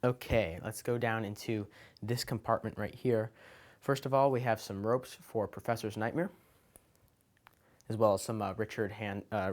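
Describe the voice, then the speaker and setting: Casual, low-voiced man showing his magician's kit. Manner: informal, hesitant, loosely improvised item-by-item delivery. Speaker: children's magician presenting own kit. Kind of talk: casual show-and-tell explanation.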